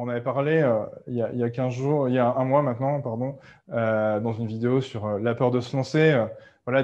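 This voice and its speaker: Male coach, casual explainer, plenty of "euh" and restarts, mid pitch, slightly muffled recording. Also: a little mellow. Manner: conversational, many fillers and self-corrections. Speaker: entrepreneurship coach. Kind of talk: casual explanatory talk to camera.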